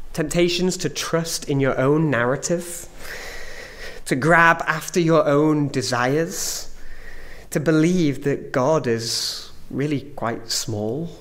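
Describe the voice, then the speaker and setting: A man preaching a sermon, phrasing his points emphatically with measured pauses. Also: on the high side.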